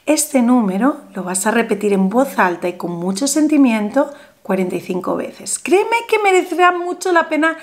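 A woman with a slightly high voice leads a spiritual ritual step by step. She speaks softly and soothingly, often sinking to a whisper. She chants strings of numbers slowly and with care. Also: very animated. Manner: slow, deliberate chanting of numbers. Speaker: spiritual guide. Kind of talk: guided ritual instruction.

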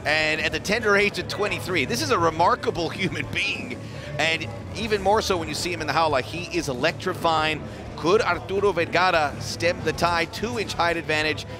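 A man's voice: a little high, normal speed. A man doing live play-by-play sports commentary in emphatic, punchy phrases. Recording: music behind commentary. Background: music.

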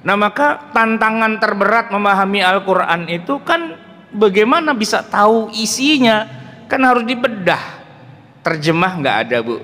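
Middle-aged guy preaching, high voice, lots of jokes, long echo in a big mosque hall. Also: normal speed. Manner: joking, animated storytelling in slang. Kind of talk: mosque lecture.

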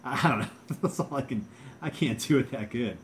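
A young man hosts a casual livestream, answering viewer comments. He talks in a hesitant, self-deprecating mumble with many restarts, at a middle pitch with a faint hum behind him. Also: normal speed. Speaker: livestream host.

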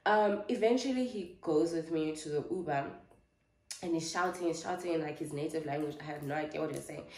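A woman's voice: deep voice, brisk, a little mellow, echoey room, a little hiss or hum. A South African woman in her twenties telling a storytime vlog in a chatty, filler-heavy way. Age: 20s. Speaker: vlogger. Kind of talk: casual storytime chat.

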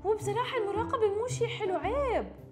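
A woman with a Levantine Arabic accent giving playful, animated gameplay commentary, full of gasps, giggles and dramatic outbursts. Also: very high voice, fast talker, faint music behind. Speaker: gaming YouTuber.

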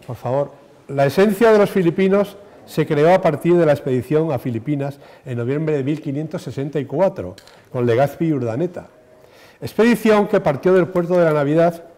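A man's voice: a little high, dark tone. A man in his sixties giving a formal scripted address as a presenter at a lectern. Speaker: presenter introducing speakers. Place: indoor conference stage at lectern. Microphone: lectern microphone.

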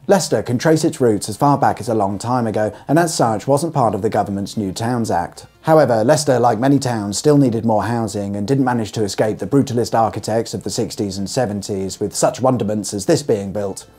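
A British man in his forties talks to camera from a small studio set, sharp and deadpan with sarcastic asides. His voice sits dark and mellow, with a faint husky edge, and a little music plays underneath. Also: medium pitch. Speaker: host. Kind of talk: scripted narration to camera.

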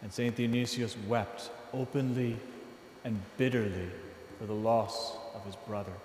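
A man in his thirties, a priest, delivering a sermon from a lectern in a large church, with measured, earnest, emphatic phrasing. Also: mid-range voice, fairly even intonation, darkish tone, slight background noise. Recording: echoey church hall from a distance.

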